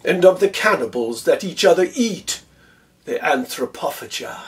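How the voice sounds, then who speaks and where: In a theatrical Shakespeare monologue, a man plays Othello, the proud and dignified general defending his love. His delivery is measured and stately, with long pauses and phrase endings that fall to a hush. His voice runs somewhat high and is recorded from a distance.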